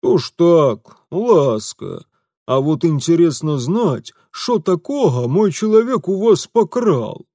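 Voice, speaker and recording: A man voicing a burly, bearded Cossack sergeant-major with a Ukrainian accent, booming and commanding. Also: sing-song, takes it slowly, mellow, dry recording, clean studio sound, exaggerated voice.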